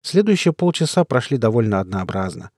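A man narrating an audiobook in the first person, telling the story in a steady way. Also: mid-range voice, a little fast, dry recording, studio quality. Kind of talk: scripted narration.

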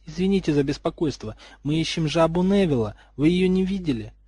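A man's voice: fairly high pitch, animated, a little fast, mellow, husky, dry recording, clean studio sound. A man reading aloud voices a polite, slightly shy schoolgirl asking for help.

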